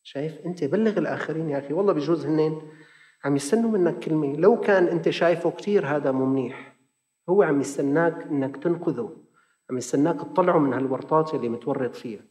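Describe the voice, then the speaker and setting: Male Levantine preacher, quick and animated, acts out his stories, recorded with a lingering hall reverb. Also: on the high side. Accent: Levantine Arabic. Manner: animated storyteller acting out dialogue. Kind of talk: sermon lesson with storytelling.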